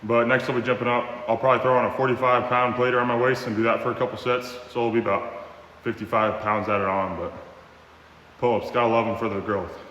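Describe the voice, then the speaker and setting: A man's voice: mid-range voice, little pitch movement, quick pace, fairly bright tone, slight background noise. A young man vlogging his workout in a gym, chatting to the camera and explaining each step as he goes. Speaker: fitness vlogger. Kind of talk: casual workout vlog. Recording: echoey room with long reverb.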